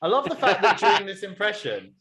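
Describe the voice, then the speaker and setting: Lively, animated podcast host man. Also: sits high, brisk, heavy background noise. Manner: animated, giggly, teasing. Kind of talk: casual chat recapping a reality show.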